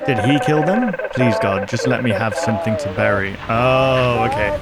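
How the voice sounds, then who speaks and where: The audio is poor, and music stands out behind this expressive, mid-range male voice at a moderate pace. As a YouTube host, he gives casual reactions to viewer-recommended horror videos, thinking aloud and asking plenty of questions.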